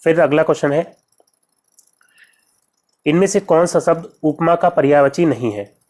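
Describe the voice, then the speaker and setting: A patient teacher talks through a set of practice questions, voice sitting at an ordinary middle pitch. Each question and its choices are read out, then the correct answer is explained step by step, with key terms repeated slowly. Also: a little mellow. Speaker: exam-prep teacher. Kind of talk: exam-prep lesson.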